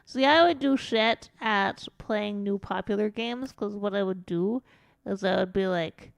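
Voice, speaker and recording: Slow-talking chatty woman streamer. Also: mid-range voice, gravelly, no echo. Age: adult. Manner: rambling, chatty, swears casually. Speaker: VTuber streamer. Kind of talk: casual storytelling while playing a game.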